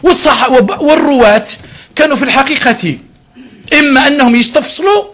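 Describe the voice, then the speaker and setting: A man with an Algerian accent gives a religious lesson in a very high voice at a quick clip. He slides between formal classical phrasing and casual dialect. He keeps asking his listeners whether they follow and restarts his phrases as he goes. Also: animated, fairly bright tone. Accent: Algerian Arabic. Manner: conversational, often checks with listeners and corrects himself. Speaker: sheikh teaching a religious lesson.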